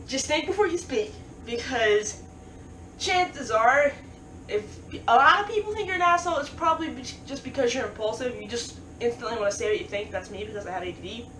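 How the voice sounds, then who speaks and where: A woman talks fast in a casual advice vlog, stuttering and restarting as she jokes along. Her voice sits a little high. She sounds a bit away from the mic in an echoey room with faint noise behind her. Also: pushed and bright, recorded from a distance. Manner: jokey, often laughing at her own lines. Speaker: vlogger giving advice.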